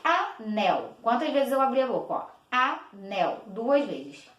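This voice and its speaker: A woman teacher gives a patient children's lesson, clapping out each syllable slowly and repeating words. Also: fairly high pitch, big pitch swings. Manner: slow, clapping out each syllable, many diminutives. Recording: echoey room.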